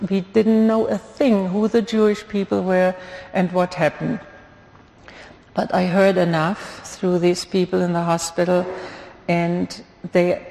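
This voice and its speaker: An older woman from Germany with a German accent, giving an earnest church testimony with many fillers and pauses. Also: fairly low pitch, vocal fry, darkish tone. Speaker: guest speaker giving testimony. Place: church sanctuary. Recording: long hall reverb.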